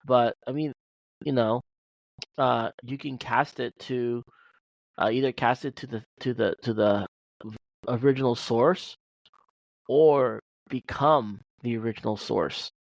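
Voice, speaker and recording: A man's voice: mid-range voice, unhurried, vocal fry, pauses often, dry recording, low-quality recording. A man co-hosting a casual podcast, rambling with many restarts and fillers. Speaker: podcast co-host. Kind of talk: casual chat.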